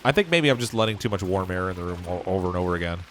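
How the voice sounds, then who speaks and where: A deep-voiced man races through animated, casual commentary as he streams a game, thinking aloud and chuckling a lot. His tone is a bit bright, there's a touch of hiss or hum, and his voice is wearing out.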